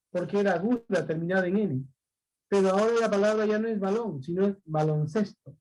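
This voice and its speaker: High-voiced man teaching grammar. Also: darkish tone, poor audio. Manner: asks rhetorical questions and repeats points; patient, explains step by step. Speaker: language teacher. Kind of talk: recorded class lesson.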